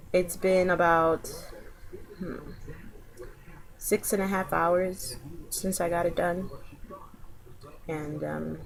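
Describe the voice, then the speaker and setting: A woman's voice: lowish voice, low-quality recording. A woman vlogger casually recounting an experience in a laid-back, colloquial way, often trailing off.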